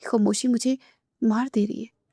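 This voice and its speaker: A woman's voice: on the high side, fairly even intonation, warm tone, breathy edge, no echo, clean studio sound. A woman voicing a remorseful young woman in a novel reading, pleading with a breaking voice.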